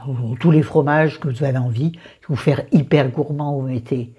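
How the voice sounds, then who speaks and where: A woman's voice: a bass voice, fairly even intonation, moderate pace, dark tone, husky, dull audio. A woman casually walking viewers through a recipe, chatty and digressive, with joking asides to herself. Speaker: cooking vlogger.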